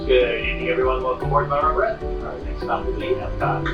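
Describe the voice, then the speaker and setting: A man giving a polite, measured recorded transit announcement over a train loudspeaker inside a monorail car. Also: medium pitch. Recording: distant, roomy, muffled loudspeaker sound with loud music.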